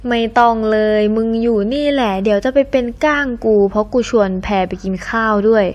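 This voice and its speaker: A woman's voice: fairly high pitch, brisk, a little mellow, natural voice. A woman voicing a brash, crude teenage boy who teases his best friend in a coarse, boastful way. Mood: teasing.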